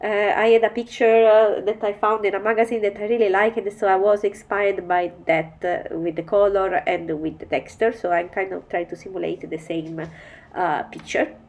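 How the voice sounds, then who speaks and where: A woman with a bad cold, her voice nasal, talking through a mixed media art tutorial in halting, step-by-step English. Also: medium pitch, steady tone, darkish tone, muffled recording. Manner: halting, explains each step in non-native English. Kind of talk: voice-over craft tutorial narration.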